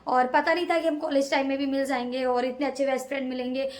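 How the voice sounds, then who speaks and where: High-voiced young woman vlogging. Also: level tone, fast talker. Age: young adult. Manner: talks to viewers directly, chatty and emotional. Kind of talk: casual chat to camera.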